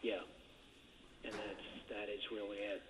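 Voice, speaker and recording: A man with a lowish voice and flat delivery talks at a measured pace, hesitant and rambling, in a casual jail phone call. Heard through the handset, the recording sounds muffled and noisy.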